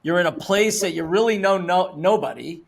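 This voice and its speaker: A man's voice: sits high, normal speed, gravelly. An older man hosting a podcast interview, upbeat, loose and conversational. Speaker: podcast host.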